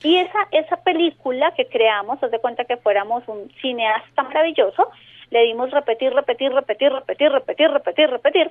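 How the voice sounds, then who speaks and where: A woman with a Colombian accent speaks over a thin, tinny phone line as a radio guest. Her voice sits fairly high, and she explains phobias with lively storytelling. She keeps a vivid, animated manner throughout. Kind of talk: radio interview. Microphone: telephone.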